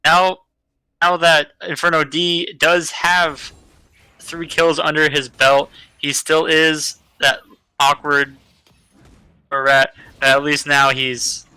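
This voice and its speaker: A man giving color commentary on a live esports match, breaking down plays in a relaxed, slangy way. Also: on the high side, takes it slowly, smooth, dry recording, poor audio.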